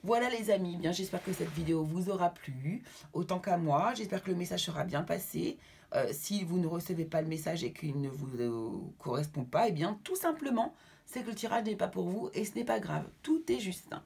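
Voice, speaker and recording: A woman reads tarot cards for the people watching her channel. She speaks reassuringly and keeps checking that her listeners are following. Her voice is husky and slightly breathy. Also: lowish voice, brisk, a little mellow. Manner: affectionate sign-offs to viewers. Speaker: tarot card reader. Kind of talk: tarot reading addressed to viewers.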